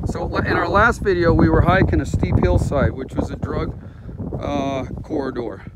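A man records an off-the-cuff walk-along narration for a video, holding a phone outdoors on a rocky, wind-swept mountaintop. His voice is on the high side at a moderate pace, and wind roars loudly into the phone mic.

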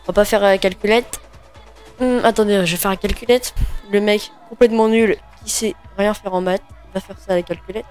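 A man's voice: high-pitched, steady tone, fairly quick, soft background music. A man giving casual gaming commentary while opening packs, hesitant and full of fillers and restarts. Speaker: gaming video creator.

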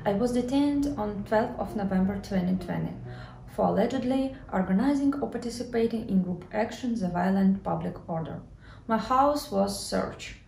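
19 yr old woman, gravelly mellow voice, far off in an echoey room. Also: medium pitch, normal speed, faint music behind. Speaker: student activist.

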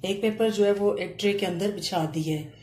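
A woman explaining a home cooking recipe step by step, pausing often as she works in a kitchen. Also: mid-range voice. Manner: calm step-by-step explaining with frequent hesitations. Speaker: cooking channel host. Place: home kitchen counter, indoors. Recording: echoey room with faint ambient noise.

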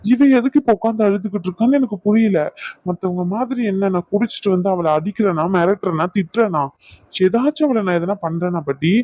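A man plays an exasperated young husband in a cartoon who pleads and complains. His voice sits fairly high and sounds dry. The recording is dull and lo-fi. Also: no room sound.

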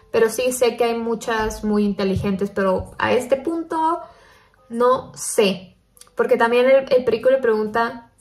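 A young woman vlogging casually to her viewers, chatty and thinking aloud with lots of fillers. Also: a little high. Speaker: paranormal stories vlogger.

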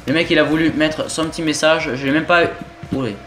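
Young man, southern French accent, fairly high voice, excitable gameplay commentary with frequent swearing, recorded in a roomy space. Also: quick pace. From southern France. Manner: excitable, swears often, jokey asides. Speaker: gaming YouTuber. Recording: roomy home recording with game music.

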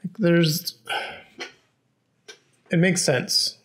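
A young man streaming from a small room at his desk, talking casually and haltingly, thinking aloud with lots of fillers. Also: fairly high pitch, fairly even intonation. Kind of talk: casual live-stream commentary.

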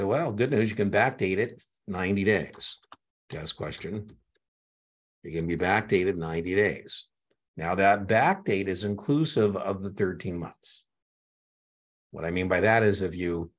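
A middle-aged man tutoring a student for an exam in a chatty way, repeating key points and telling anecdotes. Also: deep voice. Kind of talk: one-on-one tutoring session.

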